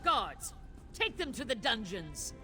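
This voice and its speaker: A woman's voice: fairly high pitch, sing-song, takes it slowly, music in the background. Haughty, theatrical usurper queen. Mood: commanding. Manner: imperious, mocking, theatrical. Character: haughty, scheming usurper queen, cruelly seductive and dismissive. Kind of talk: dramatic fantasy video game acting.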